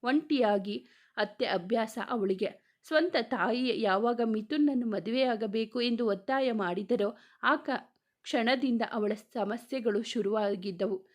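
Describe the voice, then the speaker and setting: A woman storyteller reads a romance story aloud. Her narration is measured and unhurried. Her voice sits fairly high.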